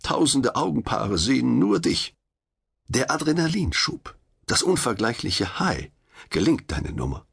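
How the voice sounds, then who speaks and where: A man narrating an audiobook in the first person, wry and confiding, with expressive reading. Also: medium pitch, unhurried, creaky, breathy edge.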